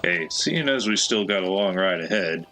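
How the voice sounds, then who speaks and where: A man's voice: low voice, animated, moderate pace, sharp tone, exaggerated voice, rough recording. A man voicing a chatty, folksy old male peddler with a put-on American Southwestern drawl, reading game dialogue in character.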